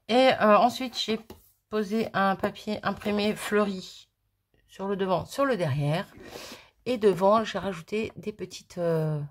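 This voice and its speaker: A woman chatting casually as she shows her crafts, rambling and poking fun at herself. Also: medium pitch. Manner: chatty, rambling, self-mocking with little laughs. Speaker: crafting video host.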